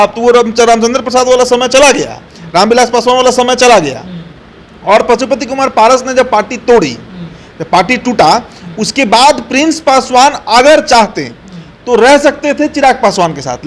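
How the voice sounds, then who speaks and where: A man giving political commentary, assertive and explaining step by step with frequent fillers. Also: very high-pitched. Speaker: political analyst.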